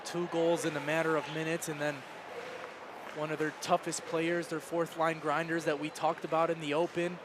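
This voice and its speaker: A man's voice: a little high, flat delivery, normal speed. A man working as color commentator on a hockey game, talking through replays in a conversational way. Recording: live arena noise behind. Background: hockey arena ambience.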